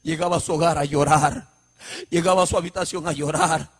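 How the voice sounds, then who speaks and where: A man preaches his own testimony with a husky, somewhat high voice. He tells the story with emotion, in a passionate preaching cadence. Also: fairly even intonation, fairly quick, long reverb tail. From Huánuco, Peru. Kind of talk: sermon testimony.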